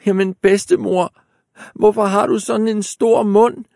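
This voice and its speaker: A man voicing an innocent, trusting little girl in a storybook reading, raising his voice high and eager. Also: steady tone, gravelly, warm tone, no echo, studio quality. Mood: wondering.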